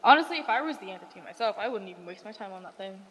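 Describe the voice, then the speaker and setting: A woman's voice: medium pitch, lively intonation, rapid-fire, a bit bright. A woman chatting in character on a roleplay server, blunt and teasing in her remarks. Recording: long reverb.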